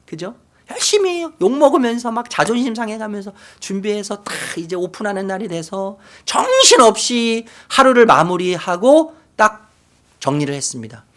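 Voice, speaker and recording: Animated Korean pastor telling a story. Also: male voice, sits high. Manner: storytelling with big swings from loud to whispered. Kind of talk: sermon. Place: church sanctuary.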